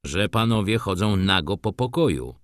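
A man's voice: sits low, lively intonation, normal speed, no echo, clean studio sound. A man voicing a weary, patient middle-aged building steward who speaks plainly and reproachfully in an audiobook reading.

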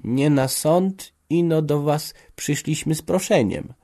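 A man's voice: sits high, very animated, moderate pace, a little mellow, voice pushed up. A man voicing a timid peasant woman who hesitantly pleads and stammers. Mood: timid pleading.

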